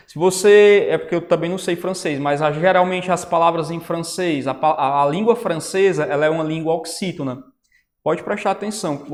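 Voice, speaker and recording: Man, grammar teacher, fairly high voice, long reverb, patient explaining, frequent check-ins. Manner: explanatory, says "né?" and "ó" often. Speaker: Portuguese teacher. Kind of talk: online lecture on grammar. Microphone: writing on a tablet while talking.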